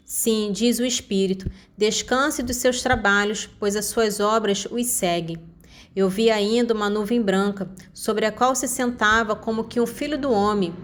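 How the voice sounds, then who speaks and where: A woman calmly reading Bible passages and short summaries in an even, measured way. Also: a little high. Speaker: Bible reader.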